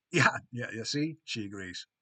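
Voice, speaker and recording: Speaking slowly in a lowish voice with lively intonation, a man on a live stream reads out viewers' chat and talks with them casually. He keeps it soft and soothing, with plenty of self-deprecating humour.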